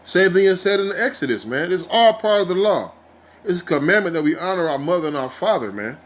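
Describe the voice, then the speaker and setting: A man's voice: sits high, animated, brisk, a little hiss or hum. Man preaching scripture, cursing, calling everyone man. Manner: reads verses, then rants with profanity and many fillers; ends phrases with "man". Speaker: street preacher. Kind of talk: informal scripture teaching.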